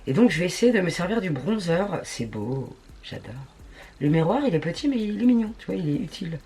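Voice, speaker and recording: A woman's voice: lowish voice, sing-song, a little fast, dark tone, husky. A woman chatting casually at home while testing makeup, full of crude slang and self-mocking jokes. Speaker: beauty vlogger. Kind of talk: casual makeup tutorial chat.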